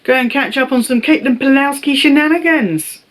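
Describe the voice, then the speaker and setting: A woman's voice: high voice, moderate pace. Bubbly self-mocking woman vlogger. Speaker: beauty vlogger. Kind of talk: chatty unboxing vlog.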